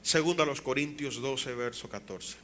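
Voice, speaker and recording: Bright-voiced preaching pastor in his fifties. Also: medium pitch, moderate pace, slight background noise. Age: 50s. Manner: animated preaching with acted quotes and rhetorical questions. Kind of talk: sermon. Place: church.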